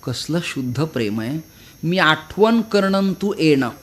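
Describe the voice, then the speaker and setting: A man's voice: a little high, animated, slow. A male preacher playing a hot-headed young warrior prince who blusters and roars, in a comic story. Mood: smitten. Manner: blustering, roaring when angry.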